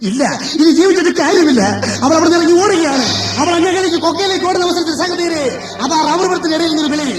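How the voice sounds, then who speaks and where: High-voiced dramatic male stage storyteller. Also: steady tone, racing. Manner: dramatic, addresses the audience. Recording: echoey live stage from far, loud music.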